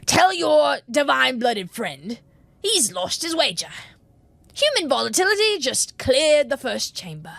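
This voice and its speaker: A woman's voice: high-pitched, big pitch swings, a little slow, vocal fry, fairly bright tone, dry recording, voice pushed up, exaggerated voice. A woman voicing an embattled male alchemist in a storybook tale, talking through clenched teeth with a sardonic, defiant edge. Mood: mocking.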